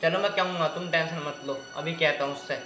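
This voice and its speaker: A weary, placating village son. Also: male voice, fairly high pitch, steady tone, a little fast, pushed and bright, faint music behind. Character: weary young husband caught between wife and mother. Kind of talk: rural film drama acting. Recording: roomy echo.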